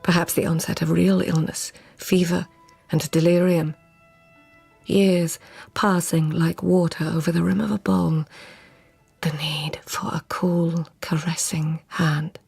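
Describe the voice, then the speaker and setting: A woman's voice: on the low side, little pitch movement, slow pace, vocal fry, darkish tone, slightly rough, no echo, soft background music, heavily acted. An actress playing a weary, fearful court lady in a radio drama, brooding and slipping into whispers. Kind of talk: radio drama acting, intimate inner monologue and dialogue.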